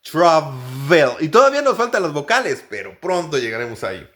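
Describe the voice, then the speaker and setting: His voice is a little high, bright, and forceful, with pitch that swoops wildly. A Mexican man with a Mexican Spanish accent, he teaches English pronunciation slowly, repeating each practice word again and again in drills.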